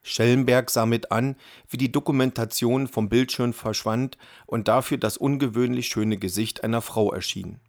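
A man narrating an audiobook in an even, measured reading. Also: medium pitch, no room sound, studio quality. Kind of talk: scripted narration.

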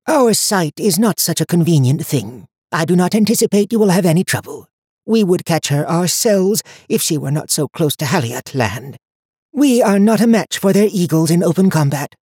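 A man's voice: high voice, animated, moderate pace, a little mellow, breathy edge, no echo, clean studio sound, pitched above the performer's own voice, exaggerated voice. A man voicing a stern, formal old woman who leads a tribe of seers. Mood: dismissive. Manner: cold, formal, commanding. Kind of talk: audiobook character voice.

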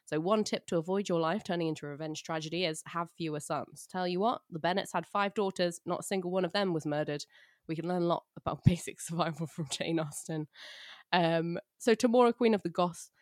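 Woman doing a jokey plot recap, lowish voice, dry close mic. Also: fairly quick, no echo. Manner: sardonic, jokey, acts out quotes.

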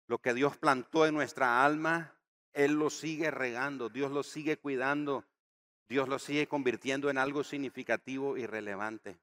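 A man preaching a sermon to his congregation as pastor, emphatic and rising to loud exhortation. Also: medium pitch. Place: church auditorium.

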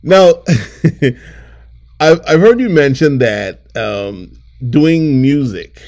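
A man hosting an interview show, first narrating an intro, then asking questions in a lively way with frequent restarts. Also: on the high side, very slow. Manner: lively, repeats words and restarts often as he asks questions. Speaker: show host.

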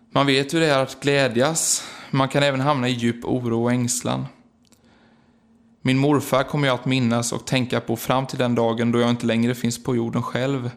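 A man reading aloud a heartfelt personal remembrance, in a quiet, earnest and reflective way. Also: mid-range voice. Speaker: singer remembering his late grandfather. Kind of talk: read-aloud personal memorial narration.

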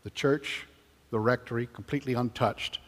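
Priest reading the gospel, mid-pitched voice, big cathedral echo trailing every word. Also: male voice, steady tone, normal speed. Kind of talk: gospel reading and homily at Mass. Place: large church. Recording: long cathedral reverb.

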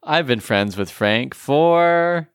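A man's voice: medium pitch, animated, slow pace, clear, resonant tone, dry recording, studio quality. A man co-hosting a casual podcast, chatting in a rambling way with fillers and restarts. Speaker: podcast co-host. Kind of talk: casual chat.

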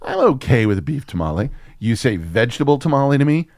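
With a fast, sing-song delivery at medium pitch and a darkish tone, a Texan American man co-hosts a podcast, chatting casually and opinionatedly in a sarcastic, ranting, sweary way. The studio sound is clean with no echo.

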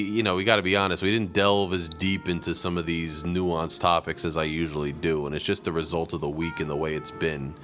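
A man's voice: deep voice, a bit bright. A man hosting a live call-in show, talking in a rambling way with many fillers. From New Jersey. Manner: rambling, with frequent fillers and restarts. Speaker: host. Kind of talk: live call-in podcast talk.

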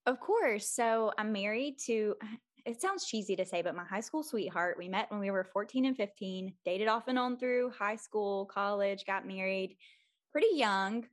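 A woman's voice: medium pitch, moderate pace. A woman in her thirties, a mother of three, speaking as a podcast guest in a friendly, thoughtful way. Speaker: guest, mom coach. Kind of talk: casual interview chat.

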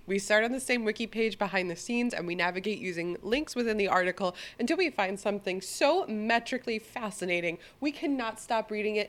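A young woman co-hosting a podcast, playful and excitable, laughing often. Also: mid-range voice. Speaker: podcast co-host. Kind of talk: casual chat.

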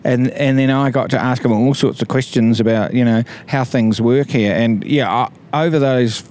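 A man with a New Zealand accent, a visiting wildfire task force leader answering interview questions with many pauses and restarts. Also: mid-range voice, steady tone, darkish tone. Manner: halting, many ums and restarts, good-humoured.

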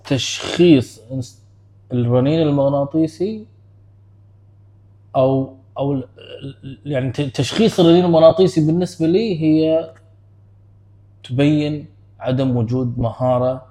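A man's voice: a little high, normal speed, pauses often, mellow. A man, hosting a casual clinical talk, who tells patient stories animatedly and acts out the dialogue. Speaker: podcast host, clinician.

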